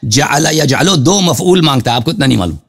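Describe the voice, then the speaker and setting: A man's voice: on the high side, animated. Mocking man debating over a call. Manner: mocking, corrects opponent, recites Arabic grammar. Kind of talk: heated online debate. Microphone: video call.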